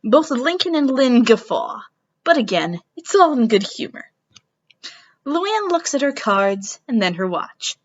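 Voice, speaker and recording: Woman narrator, theatrical informal story reading, fairly high voice, slightly dull lo-fi recording. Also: sing-song, measured pace, dry recording. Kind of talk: dramatic reading of a fan story.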